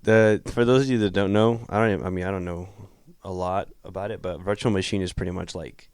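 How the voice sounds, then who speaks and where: A man's voice: sits low, fairly even intonation, fast talker, darkish tone, clean tone, no echo, studio quality. A young man co-hosting a casual podcast, laid-back and swearing casually into a podcast mic. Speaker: podcast co-host.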